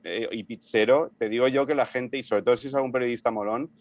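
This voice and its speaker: A man's voice: medium pitch, fairly even intonation, quick pace, no echo. Man, casual panel talk, restarts his sentences, slightly dull lo-fi sound. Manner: thinking aloud with frequent restarts. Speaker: panel guest.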